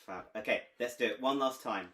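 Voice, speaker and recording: A man's voice: medium pitch, fairly quick, pushed and bright. A man leading an online singing lesson, encouraging and counting the beats aloud. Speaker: singing teacher. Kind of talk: upbeat virtual group lesson.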